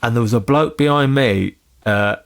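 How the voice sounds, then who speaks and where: A man's voice: mid-range voice, normal speed, gravelly, clean tone. A British man hosting a podcast, chatting casually, swearing freely and laughing as he tells a gig story. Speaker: podcast host. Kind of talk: casual chat.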